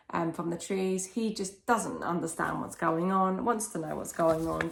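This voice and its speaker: A woman's voice: lowish voice, gravelly. A young woman chatting casually and enthusiastically as she recommends children's books, explaining things in simple, rambling phrases. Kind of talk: casual chat, book recommendations.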